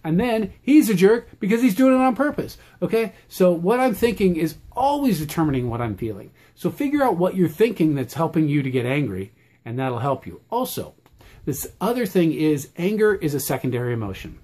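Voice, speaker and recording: Guy teaching anger management casually, kinda blunt, keeps saying okay?, voice on the higher side. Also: darkish tone. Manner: blunt and plain-spoken, ends points with a checking "okay?". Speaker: presenter teaching anger management and quizzing viewers. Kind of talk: casual instructional talk.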